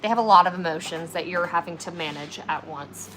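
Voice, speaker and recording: A flower preservation artist in her twenties hosts a livestream, chatting casually with viewers and reading their comments while she works. Her fairly low, fairly bright voice moves a little fast, full of "like" and check-ins of "okay?", on poor audio with slight background noise.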